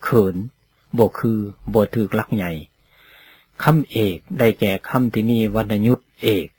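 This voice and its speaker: A man giving a read-aloud lecture on poetry, slow and deliberate, sounding out example words one at a time. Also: fairly low pitch, fairly even intonation, a little mellow, slightly rough. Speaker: teacher of poetry.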